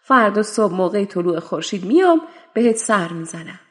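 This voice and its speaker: A woman's voice: mid-range voice, sing-song, fairly bright tone, long reverb tail. A woman voicing a frightened wild pigeon in a children's story, with a fearful, imploring manner. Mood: pleading.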